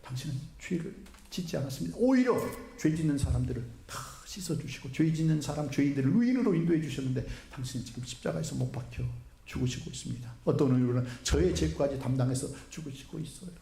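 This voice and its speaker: Repentant criminal, humble and pleading, as a preacher acts him, with a roomy hall echo. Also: male voice, fairly high pitch, expressive, quick pace, gravelly, dark tone. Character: repentant male criminal begging for mercy. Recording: echoey church hall.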